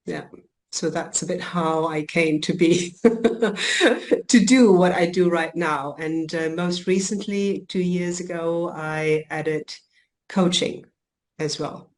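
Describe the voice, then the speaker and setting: A woman's voice: lowish voice, takes it slowly. A woman from Germany, a coach and healer, talking reflectively in a podcast interview with frequent ums and restarts.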